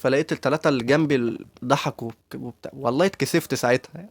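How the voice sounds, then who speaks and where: Fast-talking young Egyptian man. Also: medium pitch, vocal fry, dry recording. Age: young adult. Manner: rapid, chatty, addresses viewers directly. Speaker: YouTuber giving student advice. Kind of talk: casual storytelling vlog.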